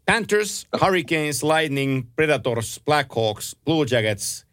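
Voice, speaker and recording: A man co-hosting a casual hockey chat, leading the topics and listing teams briskly. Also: on the high side, lively intonation, a bit bright. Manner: runs the segments, lists teams briskly.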